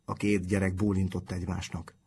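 A man reading a novel aloud in a calm, measured audiobook narration. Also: deep voice, slight background noise.

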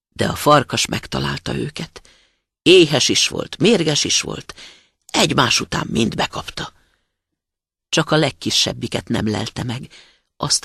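A storyteller reading a fairy tale aloud dramatically, dropping to a hush at tense moments. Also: mid-range voice, vocal fry, slightly rough, dry recording, studio quality.

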